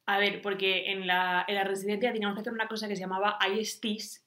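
A young woman who talks fast and tells stories in a lively, teasing way. Her voice is bright and forward. The room around her is echoey. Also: mid-range voice. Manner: quick, laughing, teasing storyteller. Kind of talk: casual chat among friends.

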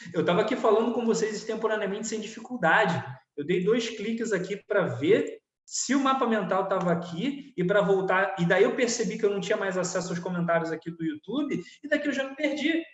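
High-voiced Brazilian man coaching live. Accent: Brazilian Portuguese. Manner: earnest, explanatory, addresses viewers directly. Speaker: self-esteem coach. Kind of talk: unscripted live-stream lecture. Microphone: computer setup, live stream. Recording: echoey room.

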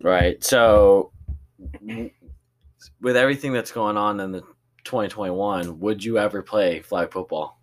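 Low-voiced male coach asking questions. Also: lively intonation, a little slow. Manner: loose, rambling questions with fillers. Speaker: coach interviewer. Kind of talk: casual interview questions.

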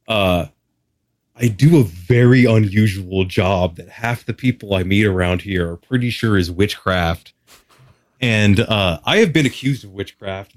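A Texan man guests on a podcast, chatting casually in a candid, wry, offhandedly profane way. His voice sits lowish. The recording is studio quality with no room sound.

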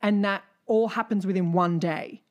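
A woman's voice: medium pitch, steady tone, normal speed, muffled recording. Earnest woman talking motivation on a podcast. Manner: earnest, emphatic, motivational with casual swearing. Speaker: podcast co-host. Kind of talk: casual podcast chat.

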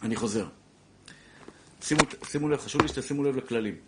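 A man teaching a lively religious law lesson to a class, repeating his points and acting out little scenes. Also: medium pitch, very noisy. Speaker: Torah teacher.

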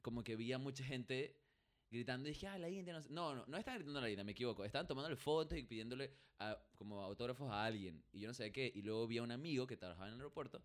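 A man, co-hosting a casual chat and telling a lively personal story, laughing often and dropping English slang. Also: medium pitch, very fast. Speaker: podcast co-host.

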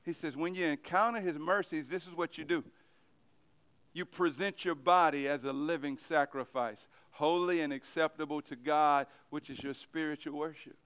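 A man's voice: a little high, normal speed, a bit bright, clear, resonant tone. A man preaching a sermon at a church service, emphatic and repetitive as he addresses the congregation. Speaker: pastor.

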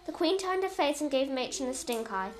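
A woman's voice: sits high, animated, fairly quick. A woman reading her own children's story aloud, expressively.

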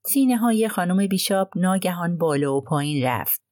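A woman narrating a crime novel audiobook in a measured, even storytelling manner. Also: fairly low pitch, no echo, clean studio sound.

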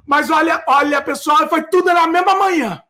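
A man's voice: extremely high pitch, normal speed, pushed and bright. A man telling a story with dramatic flair, acting out both sides of a heated argument in a raised voice. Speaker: podcast host. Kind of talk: animated storytelling in casual chat.

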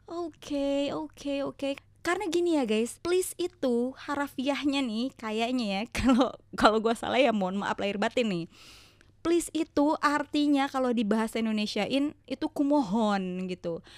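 A woman's voice: high voice, dry recording. A woman from Jakarta with a Jakarta accent, hosting a podcast and telling stories in casual slang, acting out the dialogue. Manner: chatty, uses Jakarta slang, acts out dialogue. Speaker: podcast host. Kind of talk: casual storytelling monologue.

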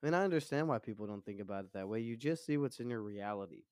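Deep, low-voiced man, laid-back. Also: lively intonation, quick pace, darkish tone, smooth, no echo, clean studio sound. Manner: laid-back stoner drawl. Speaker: interview guest. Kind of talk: candid personal conversation.

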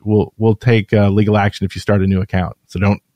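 A man's voice: on the low side, level tone, quick pace, dark tone, dry recording. A man co-hosting a podcast in casual chat, rambling and correcting himself as he talks. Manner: rambling, self-correcting, chatty. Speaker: podcast co-host.

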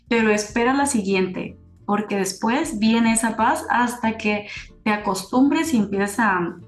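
A woman giving a spiritual teaching in a casual way, working through her thoughts and often checking in with tag questions. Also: medium pitch. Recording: roomy echoey sound.

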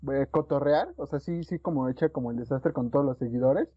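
A man with a Mexican accent hosting a casual podcast chat, talking haltingly with many restarts. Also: medium pitch, husky, no room sound, highs cut off.

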